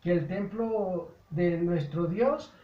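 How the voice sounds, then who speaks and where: A man voicing a grieving royal cupbearer in a plaintive, halting way. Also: sits high, distant mic. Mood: sorrowful. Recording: roomy dull lo-fi recording.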